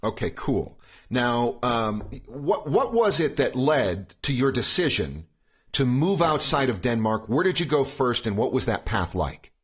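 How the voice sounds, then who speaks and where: A male podcast host reads out the guest's introduction and then asks his questions in a rambling, hedging way. His voice is husky and breathy, and his pitch moves around a lot. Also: sing-song, a little slow, fairly bright tone. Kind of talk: casual interview questions.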